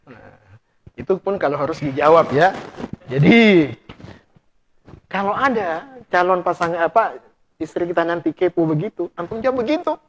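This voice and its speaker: A male preacher giving a lively, playful premarital class sermon, addressing the audience directly and testing them with questions. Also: sits high, normal speed, pauses often, a little hiss or hum. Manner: animated, playful, acts out couple dialogue in hushed voices.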